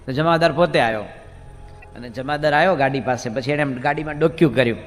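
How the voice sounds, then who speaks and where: A monk preacher telling humorous stories in a sermon and acting out the characters. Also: male voice, medium pitch, fast talker. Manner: jokey, acts out the characters. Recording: hall reverb with faint music.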